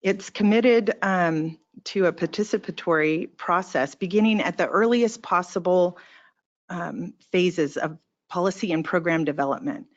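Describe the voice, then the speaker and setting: A woman's voice: lowish voice, a little slow. A woman presenting policy at a government training, speaking hesitantly with frequent fillers. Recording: dull lo-fi recording.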